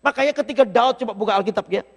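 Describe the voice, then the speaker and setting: High-voiced preacher in a reverberant church hall. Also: male voice, breathy edge. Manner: emotional storytelling, sometimes breaks into slow song. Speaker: pastor. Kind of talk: sermon. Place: church sanctuary.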